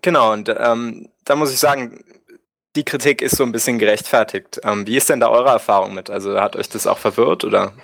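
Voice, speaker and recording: A man's voice: mid-range voice, fairly quick, gravelly, a bit bright, no echo. A man hosting a casual gaming podcast, rambling with many fillers and asking his co-hosts for their views.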